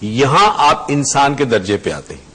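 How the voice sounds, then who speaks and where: A man's voice: mid-range voice, sing-song, normal speed, pushed and bright, slightly rough. Methodical man explaining as an expert guest. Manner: methodical, lays out points step by step with examples. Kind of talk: explanatory talk show discussion.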